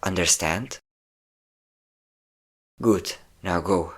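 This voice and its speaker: Speaking very slowly in a low, heavily acted voice, a man plays a centuries-old vampire lover, obsessive and possessive, in a dramatic romance audio roleplay. Cold fury drives the intense, theatrical delivery as he shifts from tenderness to menace, volatile throughout.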